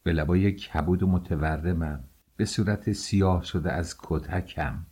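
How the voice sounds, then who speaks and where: Male audiobook narrator, deep voice, husky, measured first-person reading. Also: warm tone.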